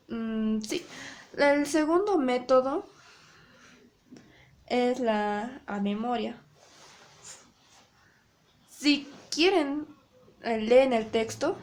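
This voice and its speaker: A young woman giving a class presentation on public speaking, often pausing and correcting herself as she searches for words. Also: sits high, darkish tone. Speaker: student presenter.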